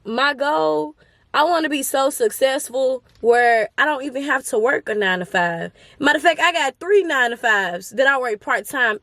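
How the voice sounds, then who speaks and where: This vlogger, a woman in her 20s, talks to camera with earnest emotion in a casual motivational video. She has a high-pitched, fairly bright voice, recorded with no echo.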